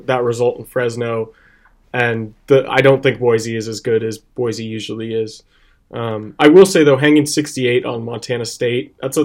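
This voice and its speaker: A young man in an easygoing sports chat with a co-host. His talk is loose and animated, full of "like" and "um", with laughs breaking in now and then. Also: medium pitch. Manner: animated, laughs often, fillers like "um" and "like". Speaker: podcast co-host. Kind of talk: casual sports betting chat.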